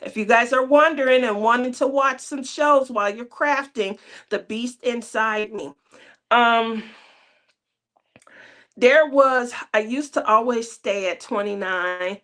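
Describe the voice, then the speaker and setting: Brief: woman in her thirties, casual craft-chat host, teasing and laughing, slightly high voice. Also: fairly bright tone. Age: 30s. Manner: chatty, laughs often, teasing.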